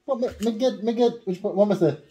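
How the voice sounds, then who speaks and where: A man's voice: high-pitched, fast talker, warm tone. A man in his thirties with a Jamaican accent and a heavy voice, bantering casually in a challenge game at home. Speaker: couple vlogger playing a challenge game. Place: home room, indoors.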